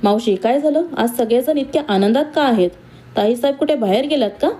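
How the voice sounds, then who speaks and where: A woman's voice: fairly high pitch, fairly quick, mellow, close to an everyday voice. A woman voicing a curious young woman who works in the house and asks a lot of questions.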